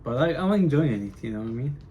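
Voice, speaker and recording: A young man chatting loosely to his camera, mid-pitched and unhurried, dropping fillers and restarting his sentences as he goes. Faint background noise sits under his voice. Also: animated, lo-fi sound. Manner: loose and chatty, says bro and like a lot, stutters. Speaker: vlogger documenting his business. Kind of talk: casual talking-to-camera vlog.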